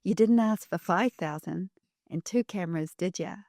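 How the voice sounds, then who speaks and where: A woman's voice: fairly low pitch, moderate pace, a little mellow, no room sound, studio quality, natural voice. A woman voicing a blunt, no-nonsense male business coach in a matter-of-fact, curt way. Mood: dry.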